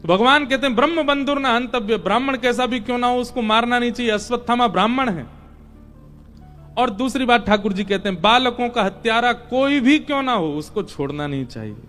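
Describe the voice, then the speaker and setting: A man's voice: very high-pitched, expressive, a little fast, fairly bright tone, soft background music. A man narrating a devotional story sermon with dramatic emphasis, acting out the characters as he goes. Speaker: religious storyteller.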